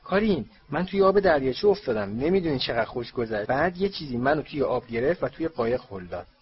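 A man's voice: mid-range voice, expressive, slight background noise, lightly acted. A man voicing a small boy gushing and exclaiming in a storybook reading, on a dull lo-fi recording. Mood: thrilled. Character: thrilled small boy, just arrived at school.

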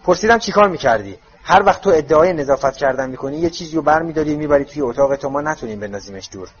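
A cold, curt master of the house, as a man reads him, giving orders in a slightly raised, clipped voice. He speaks firmly with no warmth. The audio is dull and lo-fi. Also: fairly high pitch, animated, husky. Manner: cold and commanding.

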